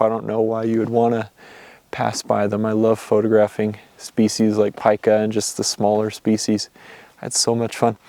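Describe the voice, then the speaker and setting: A man's voice: medium pitch, gravelly, mellow, dry recording. A young man hosting a casual outdoor wildlife vlog, talking in an enthusiastic, easygoing way with plenty of fillers. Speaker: wildlife photographer and channel host. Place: outdoors in mountain forest.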